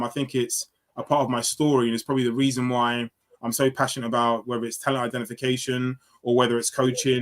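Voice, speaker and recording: A man from London talks through his football story in a relaxed, thoughtful interview, his voice sitting at an ordinary middle pitch. He often restarts sentences and leans on fillers as he looks back on his path. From London, England. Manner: reflective, many fillers and restarts. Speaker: football guest. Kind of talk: casual interview answers.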